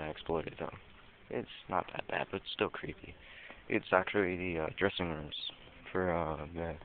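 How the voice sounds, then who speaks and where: A man casually narrating a walkthrough of a dark empty store, hesitant and full of ums, easily spooked. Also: low-pitched. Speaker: vlogger exploring an abandoned store. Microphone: handheld camera mic. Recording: tinny lo-fi camera audio with faint hiss.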